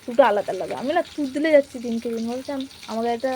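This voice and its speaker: A woman's voice: a little high, very fast, dark tone, slight background noise. A young woman vlogging casually from her home kitchen, chatting through each cooking step for her viewers on a handheld phone. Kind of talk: casual vlog narration.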